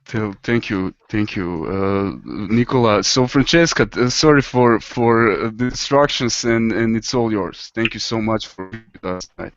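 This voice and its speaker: A man hosting an online webinar, introducing guests in a halting manner that stumbles over words. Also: fairly low pitch, no room sound. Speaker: host. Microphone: video call. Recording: dull, dry online call audio.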